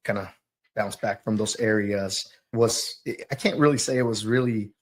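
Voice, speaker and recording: This man from Oaxaca, Mexico, a youth soccer coach and business owner, shares his story as a guest on a podcast. He speaks with a fairly low pitch, pausing reflectively and groping for words, slightly nervous throughout.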